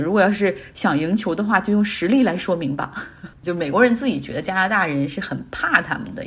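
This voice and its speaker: A woman's voice: sits low, husky. A middle-aged woman hosting a casual talk podcast, chatting and explaining English words in Chinese as she goes. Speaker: podcast host. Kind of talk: casual commentary.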